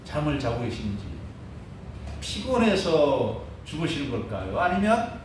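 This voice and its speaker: A man with a fairly high voice delivers an animated sermon, tossing in rhetorical asides and acting out cries. The sound is heavily echoey, as if captured from some way off in a large church, with a faint rumble beneath. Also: unhurried, distant mic. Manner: animated preaching, frequent rhetorical "어?" asides, acts out quoted cries. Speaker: pastor. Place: church sanctuary.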